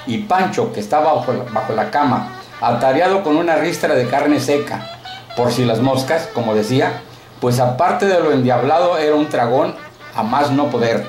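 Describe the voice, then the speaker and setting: A man's voice: medium pitch, a little mellow. Man with narrating a story. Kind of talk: reading a short story aloud. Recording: echoey room.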